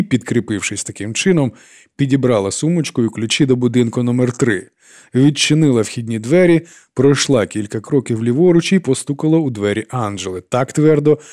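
A man reading an audiobook as its narrator, telling the story in a calm, even way. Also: mid-range voice. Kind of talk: scripted narration.

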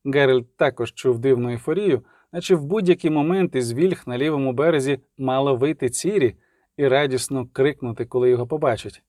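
A man reading a novel aloud in steady scripted narration, with a wry touch. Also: mid-range voice, a little fast, no room sound, studio quality. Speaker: audiobook narrator.

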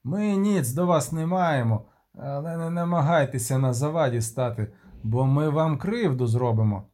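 A man reading the part of a hoarse male sailor in an audiobook, delivering a slow warning. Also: on the high side, darkish tone, close to an everyday voice.

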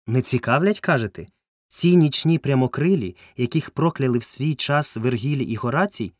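Man putting on a fussy entomologist, higher voice, pedantic, indignant, dry booth sound. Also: moderate pace, dry recording, lightly acted. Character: fussy eccentric male entomologist cousin.

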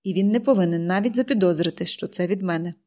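A woman's voice: on the low side, fast talker, warm tone, close to an everyday voice. A woman reading an audiobook, voicing a cold, stern middle-aged aunt who speaks curtly. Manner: cold, curt. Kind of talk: audiobook character voice.

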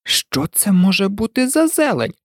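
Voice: mid-range voice, sing-song, moderate pace, no room sound, clean studio sound, pitched above the performer's own voice. A reader voicing a bewildered, polite little girl in a storybook recording, earnest and a little unsure. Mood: wondering. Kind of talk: audiobook reading.

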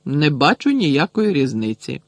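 A stern male teacher speaks slowly and quietly, with icy contempt in every word, as a man puts him on in a storybook reading. The voice sits close to the microphone in a dry, dead space. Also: on the high side, sing-song, dry recording. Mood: cold.

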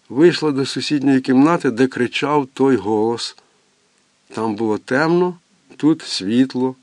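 A man narrates a literary audiobook in a measured, expressive storytelling style. His voice is mid-range, and there's no echo.

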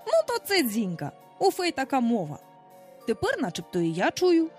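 A woman doing a cocky young boy who shrugs everything off with a brash, breezy swagger. The voice sits high and swings lively through each line, with a storybook audiobook feel. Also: soft background music. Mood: explaining. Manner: boastful, breezy, quick to brush things off. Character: cheeky boy who never grows up.

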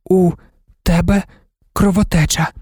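A man's voice: high-pitched, fairly even intonation, takes it slowly, darkish tone, slightly rough, no room sound, studio quality, voice pushed up, heavily acted. A man voicing a terse, caring woman with clipped, choppy speech in a storybook reading. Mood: urgent.

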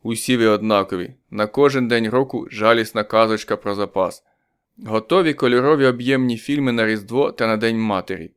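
A man's voice: fairly low pitch, a little fast, clear, resonant tone, lightly acted. A man reading an audiobook, voicing a rude, mocking policeman with a coarse, contemptuous manner.

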